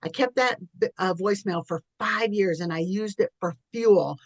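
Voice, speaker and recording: Woman, podcast co-host, casual chat, candid storytelling, laughs often, medium pitch. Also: normal speed, dry recording, poor audio.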